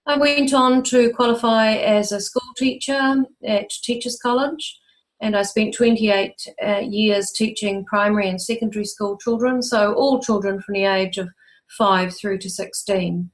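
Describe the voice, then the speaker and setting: An older woman with a New Zealand accent and a voice of middling pitch answers interview questions. She speaks in a measured, informative way and pauses on frequent ums. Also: fairly even intonation. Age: 60s. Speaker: guest, UFO researcher.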